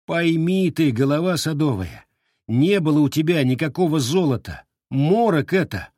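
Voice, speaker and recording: A stern, weary young monster hunter, played by a male narrator who scolds and explains in a firm, raised voice. The speech is animated, and the dry recording has no room sound. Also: a little high, normal speed, no echo, pitched above the performer's own voice.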